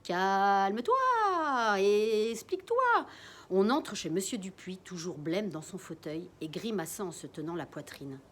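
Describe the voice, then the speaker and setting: A woman reading a first-person story aloud in an expressive way. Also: normal speed, hardly any pauses, a little hiss or hum. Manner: expressive reading with lively pitch.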